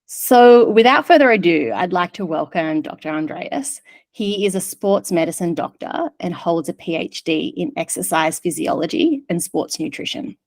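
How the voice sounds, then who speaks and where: A woman hosts a webinar over a video call. Her voice sits slightly low, and she reads a friendly introduction with the odd filler. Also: normal speed, darkish tone. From Australia. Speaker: webinar host. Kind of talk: hosting a webinar.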